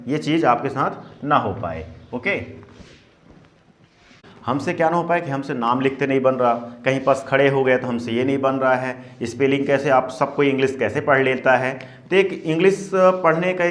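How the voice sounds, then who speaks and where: In a classroom spelling lesson, a male English teacher drills words syllable by syllable, posing questions and then answering them himself. His voice is medium-pitched, with slight background noise.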